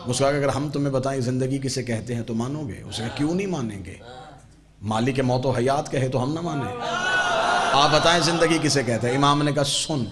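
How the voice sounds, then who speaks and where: A Shia cleric delivers an Urdu majlis sermon to a congregation in a gathering hall, with the crowd audible behind him. He tells a story, moving between soft, low narration and loud, fervent exclamations.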